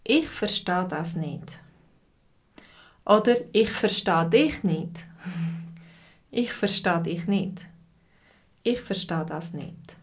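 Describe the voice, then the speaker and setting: Her voice is lowish and animated as this Swiss German-accented woman runs a live online language class. She keeps her speech slow and clear and says phrases more than once so learners can follow.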